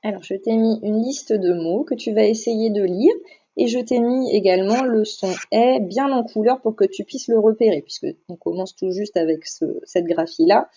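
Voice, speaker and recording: A woman teaching a recorded phonics lesson to young children, speaking slowly and articulating each sound and syllable with care. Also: on the high side, warm tone, slightly rough. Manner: slow, careful, over-articulating sounds and syllables. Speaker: primary school teacher. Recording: slightly dull lo-fi voice recording.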